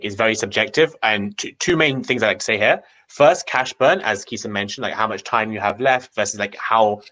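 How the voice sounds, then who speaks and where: A man on a startup panel answers in a structured way, working through his points in turn. His voice is bright and forward. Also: lowish voice, poor audio.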